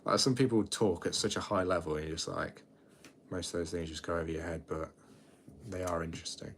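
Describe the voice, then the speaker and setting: A twenty-year-old British man hosts a casual late-night livestream, chatting in a relaxed, rambling way and often restarting his sentences. His voice is low, deep and creaky, and he talks fairly quickly. Faint background noise sits beneath him.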